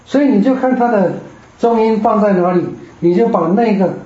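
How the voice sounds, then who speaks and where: A man's voice: sits high, moderate pace, warm tone. A man teaching a Greek grammar class, explaining patiently step by step. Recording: echoey room, dull lo-fi.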